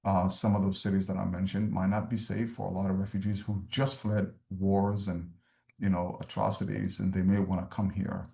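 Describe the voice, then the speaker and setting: A man from Somalia speaks in a low, dark voice, laying out points in a measured, explanatory way with frequent ums. He sounds like he is in a roomy, echoey space. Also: little pitch movement, gravelly. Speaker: refugee services speaker. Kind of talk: webinar presentation.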